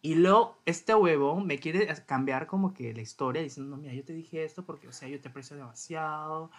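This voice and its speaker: A young man, a podcast co-host telling stories in animated casual chat and swearing freely. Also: on the high side, a little fast.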